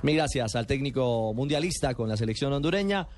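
A sports radio host closing an interview, friendly and upbeat, thanking a guest. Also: male voice, mid-range voice, expressive, brisk, darkish tone.

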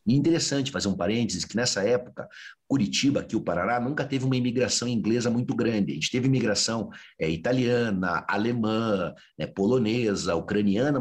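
A man at an ordinary middle pitch talks fast, telling a long historical tale in an interview. He is an animated storyteller who slips into the voices of the people in his story. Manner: animated storyteller acting out dialogue. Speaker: researcher.

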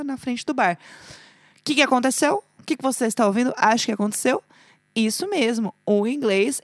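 A woman's voice: high-pitched, no room sound, studio quality. A woman from Brazil with a Brazilian Portuguese accent, telling a story in casual chat, acting out the lines she quotes and laughing often.

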